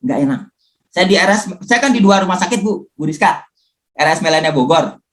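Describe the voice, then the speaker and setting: A man speaking in a casual talk, telling his own recovery story in an animated way and acting out the things people said to him. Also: high voice, brisk.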